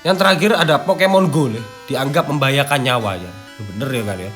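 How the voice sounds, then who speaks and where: A young man hosts with an East Javanese accent, mixing scripted reading and informal, slangy comments while music plays behind him. His pitch is medium, his pace fairly quick, and his tone a bit bright.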